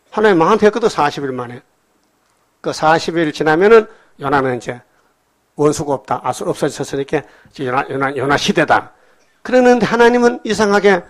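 A man preaching a sermon as a pastor, retelling a story with animated storytelling and often prodding listeners with quick questions. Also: fairly high pitch.

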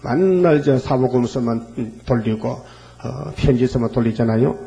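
A male pastor preaching a fervent sermon, asking rhetorical questions and filling pauses with hesitations. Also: mid-range voice, gravelly, mellow, lo-fi sound.

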